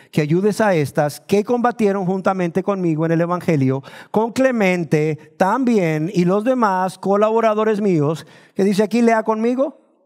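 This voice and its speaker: A man born in Nicaragua preaching a sermon, asking his listeners questions and slowing down to stress the words of scripture. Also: high-pitched, a little mellow. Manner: asks the congregation rhetorical questions. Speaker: pastor.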